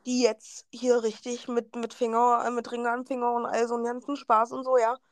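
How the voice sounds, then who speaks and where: A young woman with a high, bright voice tells a story in casual chat. She jumps into the quoted lines with plenty of energy. The sound is dry and close. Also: brisk, smooth, dry recording. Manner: animated storyteller, acts out quoted dialogue. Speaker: best friend and co-host.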